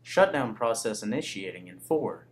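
Slow, menacing villain computer, played by a man. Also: on the low side, expressive, very noisy, lightly acted. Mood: gloating menace. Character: malicious male talking computer, smug and taunting. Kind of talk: amateur comedy film acting.

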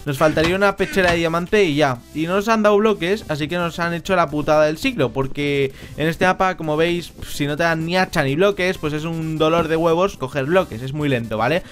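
A man with a Spain Spanish accent giving casual, joking commentary over his gameplay, talking at home into a headset mic and now and then bursting into shouts. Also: on the high side, a little fast, few pauses. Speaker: Minecraft gameplay YouTuber.

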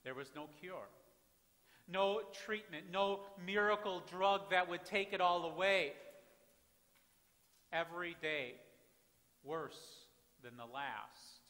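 A pastor, preaching a dramatic sermon that swings from hushed to loud, recorded from the back of a church. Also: male voice, high voice, takes it slowly, long pauses. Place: church sanctuary with congregation. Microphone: far camera at back of church. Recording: reverberant church from far off.

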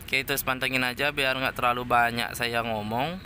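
A man's voice: medium pitch, steady tone, normal speed, bright, forceful tone, slight background noise. A man hosting a casual kite-making vlog, chatty and often calling viewers boss. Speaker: kite maker and channel host. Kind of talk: casual tutorial vlog narration.

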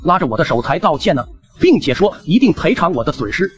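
A man's voice: a little high, big pitch swings, quick pace, highs cut off. A young man narrating his own comic cartoon story in a chatty, wry way.

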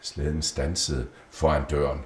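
Male storyteller, deep and animated, roomy echo. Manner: gentle, lively storybook reading. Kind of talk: reading a Christmas story aloud.

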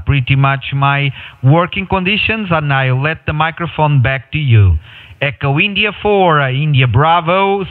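Man calling over tinny ham radio. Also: fairly high pitch. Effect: voice received over shortwave radio. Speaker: amateur radio operator. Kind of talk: ham radio callout with phonetic call signs. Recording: tinny narrow-band radio link.

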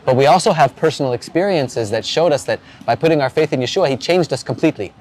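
By the ocean, a street evangelist in his forties interviews a stranger about faith, asking earnest, probing questions with frequent restarts. His voice is on the high side, fast, darkish, and lively in intonation, with a little hiss or hum.

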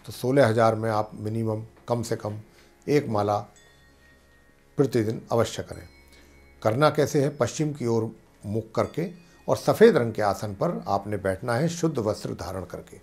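A man, an astrologer and pandit, calmly explaining planetary mantras and slowly chanting them. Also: fairly low pitch, breathy edge, faint music behind. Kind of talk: devotional teaching talk.

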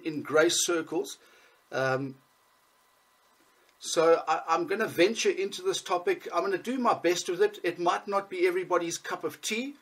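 Over a video call, a man in his thirties with a Southern African accent teaches Bible lessons, his somewhat high, slightly bright voice broken by frequent pauses. He sounds hesitant, filling gaps with ums and often restarting his sentences.

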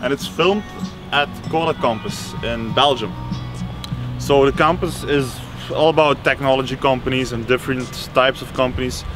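A man's voice: mid-range voice, moderate pace, over music. Young man casually hosting a vlog. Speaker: vlog host. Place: outdoors on an office campus, then a small office booth.

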